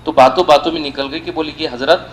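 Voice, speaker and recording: At a mosque centre's weekly evening gathering, a middle-aged man with an Indian Urdu accent preaches a sermon, telling stories emphatically and repeating phrases for stress. His voice is fairly high with fairly even intonation, over a rough recording with slight background noise.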